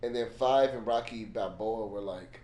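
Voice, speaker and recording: A man's voice: fairly low pitch, normal speed, mellow, reverberant, a little hiss or hum. A man co-hosting a casual film chat, tired and laid-back, joking as he talks. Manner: laid-back, jokey, puts on voices when retelling. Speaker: podcast co-host.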